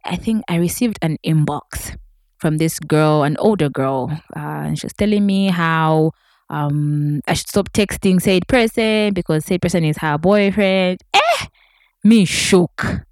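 A woman tells a story in a casual, chatty way. She talks straight to her viewers. Her voice sits low, and the recording is close and dry. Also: moderate pace, no room sound. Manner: chatty, addresses viewers directly, animated. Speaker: vlogger.

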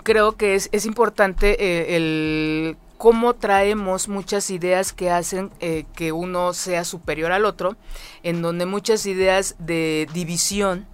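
Woman, measured, reflective, conversational. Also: lowish voice, fairly even intonation, clear, resonant tone.

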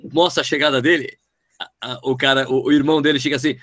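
A man co-hosting a sports talk stream, chatting casually, full of restarts and excited jumps in his voice. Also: fast talker. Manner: excitable, restarts often, voice jumps high when retelling. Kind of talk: casual chat.

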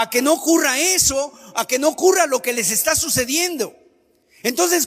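A man's voice: extremely high pitch, fairly bright tone, in a large hall. A man preaching a sermon, emphatic, asking many rhetorical questions and acting out the voices he quotes.

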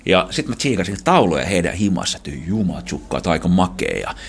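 A middle-aged Finnish man telling adventure stories in an interview, animated and laughing often, with many restarts. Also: sits low, creaky, husky. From Finland. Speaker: guest, explorer. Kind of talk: casual storytelling.

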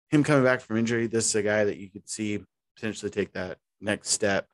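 Here a lowish-voiced man, recorded dry, co-hosts a podcast and rambles comfortably about baseball, breaking off and restarting sentences as he goes.

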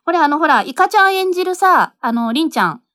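A woman's voice: very high voice, very animated, fast, fairly bright tone, dry recording, studio quality. A woman hosting a talk segment after a radio drama, chatty and enthusiastic. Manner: chatty, lots of fillers, enthusiastic. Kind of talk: casual chat.

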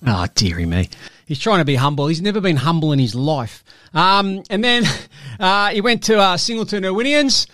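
An Australian man with a fairly high voice hosts a casual sports podcast. His talk is colloquial and matey, with some teasing. The sound is dry, with very little room in it. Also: lively intonation, normal speed, fairly bright tone, no room sound. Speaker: podcast host.

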